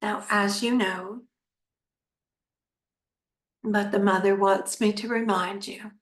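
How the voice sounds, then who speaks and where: A woman guides a meditation at a very slow, soothing pace, leaving long pauses between short phrases. Her voice sits at a middle pitch. The sound is roomy, with noticeable echo around her words. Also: steady tone.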